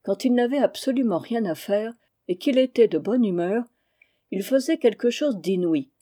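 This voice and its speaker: A woman reading a novel aloud in a steady, measured storytelling manner. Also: a little high. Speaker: audiobook reader.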